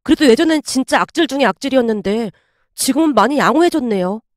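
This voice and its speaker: A woman's voice: high voice, expressive, quick pace, no room sound, clean studio sound. A woman reading the part of a patient male restaurant manager who stays polite and firm, in a story narration. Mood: restrained.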